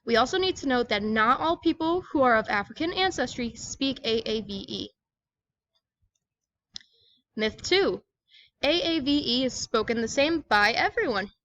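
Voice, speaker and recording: A woman's voice: a little high, animated, moderate pace, long pauses, fairly bright tone, no echo, dull audio. A woman giving a scripted educational presentation, reading aloud in a plain, explanatory manner.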